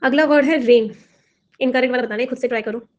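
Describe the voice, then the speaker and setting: Captured with lo-fi sound, a woman who teaches English for exams talks fast in a high-pitched voice with fairly even intonation. In this classroom lesson she explains vocabulary in Hindi with the terms and quizzes her students nonstop.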